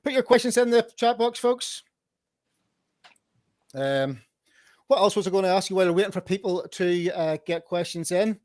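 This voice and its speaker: A man's voice: high voice, moderate pace, pauses often, a little mellow, no echo, studio quality. A man hosting a casual podcast interview, chatty and encouraging, often repeating words while he finds them. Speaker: podcast host. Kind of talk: casual live-stream interview.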